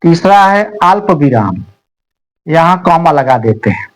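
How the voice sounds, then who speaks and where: An Indian man teaching a grammar lesson to students, explaining slowly and deliberately with many pauses. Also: fairly high pitch, very animated, low-quality recording.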